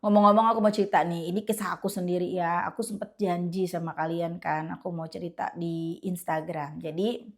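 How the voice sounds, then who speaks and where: A young woman giving a casual, animated religious pep talk to her viewers. She often slips into quiet quoted prayers. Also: fairly low pitch, brisk. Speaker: religious content creator.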